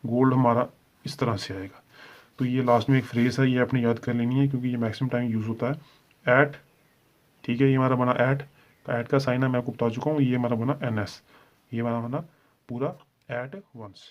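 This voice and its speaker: Hindi-accented guy teaching shorthand, mid pitch, keeps saying theek hai, kinda muffled audio. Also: fairly even intonation, moderate pace, darkish tone. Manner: explains patiently, repeats "ठीक है" often. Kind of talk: step-by-step classroom lesson. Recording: slightly dull lo-fi sound.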